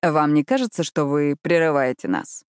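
A woman voicing a calm, self-assured man of twenty-five in an audiobook, speaking with quiet control. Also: low voice, normal speed, clear, resonant tone, dry recording, clean studio sound. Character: calm, confident, arrogant young man, age 25. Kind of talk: audiobook reading.

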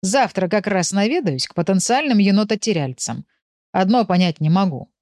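A woman's voice: medium pitch, animated, normal speed, a little mellow, no echo, studio quality, lightly acted. A woman reading an audiobook, voicing a good-natured, folksy village man who is a curious neighbour. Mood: jovial. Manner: jovial, folksy. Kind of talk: audiobook character voice.

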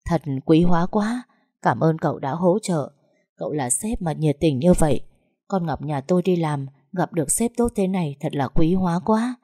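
A woman voicing a quiet, humble older father who talks in a grateful, deferential way. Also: deep voice, expressive, normal speed, dry recording, clean studio sound.

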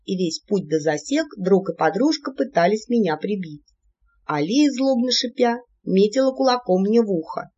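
An audiobook narrator tells a fantasy story with playful, lively storytelling and a pitch that jumps around. The voice is husky. The recording sounds dull and lo-fi. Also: normal speed.

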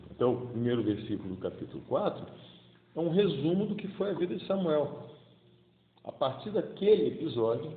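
A Carioca man in his fifties delivers a relaxed daily homily. His pitch rises and falls freely, and he slips into the voices of the people in his stories. The sound is narrow and tinny, and it echoes around a large room. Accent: Carioca Brazilian Portuguese. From Rio de Janeiro, Brazil. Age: 50s. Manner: colloquial, acts out voices in stories. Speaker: preacher.

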